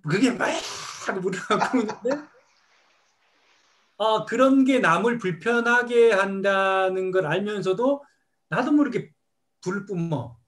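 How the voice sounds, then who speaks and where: Middle-aged man, meditation teacher, reflective storytelling, fairly high voice, very lively pitch. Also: a little slow. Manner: reflective, storytelling, acts out scolding himself. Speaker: meditation teacher answering questions. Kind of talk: question-and-answer talk.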